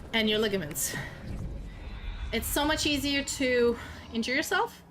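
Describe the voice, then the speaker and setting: A woman's voice: on the high side, sharp tone, slight background noise. A woman streamer chatting casually and swearing while out of breath from exercise. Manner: casual, laughing, swears a lot.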